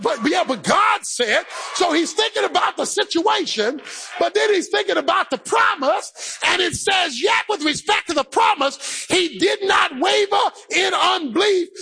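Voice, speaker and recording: This male preacher's voice is very high, creaky, pushed and bright. His shouted sermon rises in a half-sung chant as he calls out phrases and voices the people in his message, giving the believer's inner thoughts a voice of their own.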